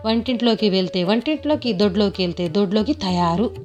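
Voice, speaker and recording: A woman's voice: medium pitch, expressive, a little fast, darkish tone, faint music behind, lightly acted. A woman voicing a chatty older village mother who complains at length about her son-in-law. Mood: complaining.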